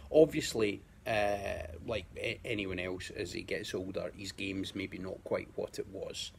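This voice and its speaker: A man with a Scottish accent, a guest pundit in a casual football chat, talking in a measured way and repeating words as he finds his point. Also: sits low, steady tone, vocal fry, slight background noise.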